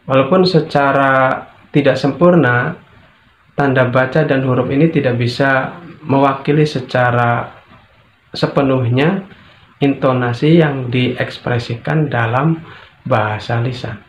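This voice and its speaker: A man giving a recorded grammar lesson, deliberate and repetitive, with occasional fillers. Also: medium pitch, slight background noise. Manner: deliberate, repeats key phrases, occasional fillers. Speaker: grammar teacher. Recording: echoey room, dull lo-fi sound.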